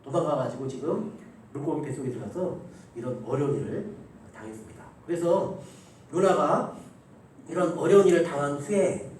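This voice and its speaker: A man's voice: fairly high pitch, lively intonation, moderate pace, a little mellow, very echoey, recorded from a distance, slight background noise, rough recording. A man preaching a Sunday afternoon sermon as the pastor. He acts out the voices of the people in his stories. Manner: congregation joins in reading scripture aloud. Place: church sanctuary.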